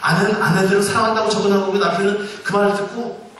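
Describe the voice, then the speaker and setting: A man's voice: high voice, little pitch movement, quick pace. A man in his sixties, a church elder, giving a humorous talk to a congregation, telling stories and asking the audience questions. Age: 60s. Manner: jokey storytelling, asks the audience questions. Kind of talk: humorous sermon-lecture to a congregation. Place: large church sanctuary. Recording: very echoey hall, mic far off, noisy.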